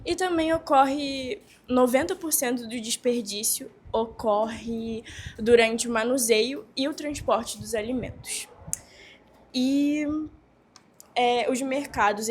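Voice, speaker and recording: Teen girl from Brazil, student presenter, informal, slightly high voice, faint room noise. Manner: informal, many fillers like "tipo". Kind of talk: classroom presentation.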